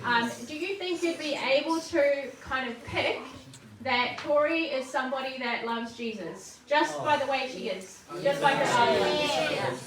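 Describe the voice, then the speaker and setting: A woman with a New Zealand accent gives an informal sermon, sounding nervous and hesitant, with halting false starts. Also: high voice, crowd noise. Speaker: preacher. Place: echoey indoor room before a gathering. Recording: distant microphone, echoey room, faint noise.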